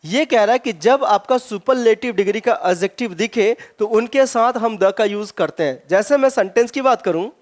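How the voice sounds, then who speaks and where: In this exam-prep grammar class, a high-voiced man teaching English pronounces his sample words slowly and with emphasis. He poses many rhetorical questions along the way.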